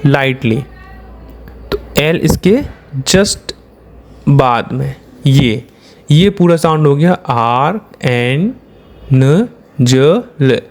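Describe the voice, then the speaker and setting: A man's voice: medium pitch, lively intonation, drawn-out words, pauses often. A man with an Indian accent teaching shorthand, explaining step by step and answering his own questions. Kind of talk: classroom-style lesson.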